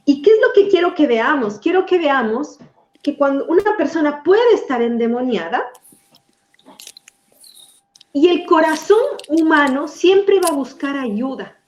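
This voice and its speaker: A woman preacher teaching from the Bible in a lively, conversational way, asking her audience questions. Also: high-pitched, a little slow, reverberant, dull audio.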